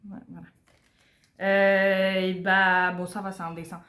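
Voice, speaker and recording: A young woman chatting casually as she unboxes albums, giggling often and muttering asides softly. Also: medium pitch, level tone, unhurried. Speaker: unboxing vlogger. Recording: echoey room, faint background noise.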